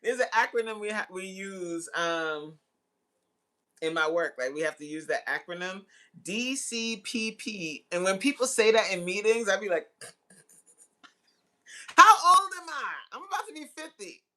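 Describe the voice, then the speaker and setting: A livestream host in her forties chats casually with live viewers and reads their comments. Her voice is bright and forceful, with very lively pitch swings, and she's unhurried, teasing, slangy and giggly.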